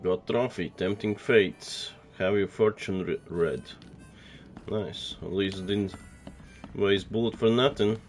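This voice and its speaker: A man's voice: lowish voice, slow, soft background music. A man hosting a let's play, giving casual, offhand gameplay commentary in muttered asides.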